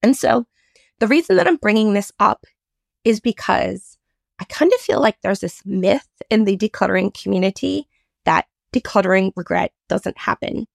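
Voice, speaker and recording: A woman hosting a casual solo podcast, self-deprecating, with a slightly croaky voice left over from a chest infection. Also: mid-range voice, normal speed, no room sound, clean studio sound. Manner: self-deprecating, chuckles at herself. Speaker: podcast host.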